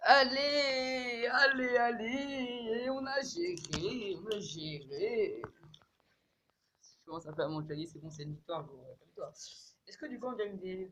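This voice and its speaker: A man commentating his own mobile game match in casual French slang, swearing and repeating words when excited. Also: high-pitched, a little hiss or hum.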